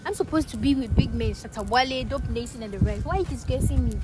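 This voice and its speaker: A woman's voice: fairly high pitch, fast talker, close to an everyday voice. A woman with a West African, Ghanaian accent playing a fed-up, indignant young girlfriend who scolds and repeats herself in a comedy skit. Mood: indignant, scolding.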